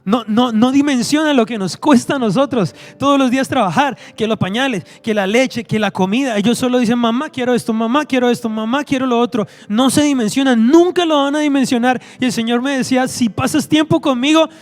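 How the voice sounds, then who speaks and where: A man's voice: very high-pitched, brisk, few pauses. A man preaching a sermon to his church, emphatic and repetitive, acting out quoted voices. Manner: emphatic, repeats phrases, acts out quoted voices.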